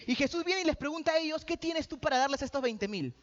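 A man's voice: extremely high pitch, expressive, fast. A man preaching a sermon, joking with the congregation and calling out to them as he retells a story. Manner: calls out to the audience. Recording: dull lo-fi sound.

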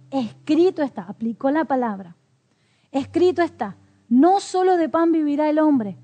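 A woman's voice: sits high, warm tone. A woman preaching a sermon in a conversational way, with rhetorical questions and light laughter.

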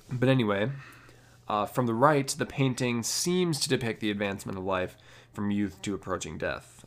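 A young man presenting art history in a casual, halting way, often stopping to correct how he pronounces names. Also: fairly low pitch. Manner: hesitant, many fillers and restarts, self-correcting pronunciations. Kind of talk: casual educational narration.

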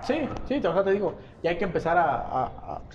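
A man's voice: high voice, expressive, fairly quick, highs cut off, a little hiss or hum. A young man with a Mexican accent, hosting a slangy casual podcast chat and steering it with questions. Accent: Mexican Spanish. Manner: slangy, asks leading questions, frequent restarts. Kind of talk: casual chat among friends.

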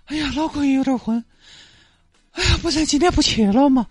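A man voicing a frazzled, stubborn working woman with a Sichuanese accent who talks in shrill, wailing pleas. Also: a little fast, no room sound, clean studio sound. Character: frazzled stubborn woman worker, desperate for attendance bonus.

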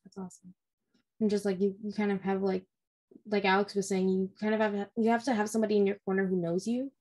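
Flat, mellow-voiced woman interviewer. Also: mid-range voice. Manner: measured, affirming. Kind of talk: interview questions.

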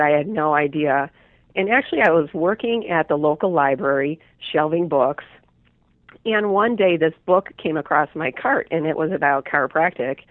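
A woman's voice: sits low, no echo. Congested American woman on a tinny line. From Chicago, United States. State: congested with a head cold. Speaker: podcast guest, chiropractor and business owner. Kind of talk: interview answers, personal storytelling. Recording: narrow tinny phone-like line.

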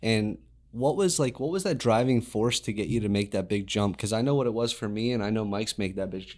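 A man's voice: fairly low pitch, fairly quick, a little mellow. A man hosting a studio podcast, asking friendly questions to prompt his guest. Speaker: podcast host. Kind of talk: casual interview chat.

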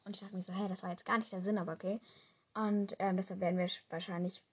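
A young woman co-hosting a casual podcast and rambling along with plenty of fillers. Her voice is husky and sounds strained from earlier shouting. Her pitch sits in the middle. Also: little pitch movement, fast. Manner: chatty, rambling with many fillers. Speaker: podcast co-host. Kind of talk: casual chat.

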